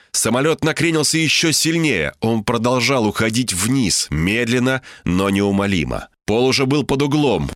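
A man's voice: mid-range voice, fairly bright tone, dry recording, studio quality. A man narrating a tense first-person story in an audiobook style.

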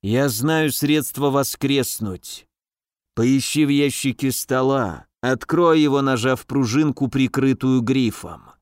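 A man reading the part of a dying old nobleman father, speaking slowly and weakly. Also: mid-range voice, no echo, clean studio sound, natural voice. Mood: weak, pleading. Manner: slow, weak, muttering.

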